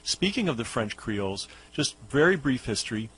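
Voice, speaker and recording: A hoarse man who is losing his voice, a radio guest telling music history in a loose, explanatory way with many fillers. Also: mid-range voice, very animated, moderate pace, fairly bright tone, low-quality recording. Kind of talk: casual radio history talk. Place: radio studio.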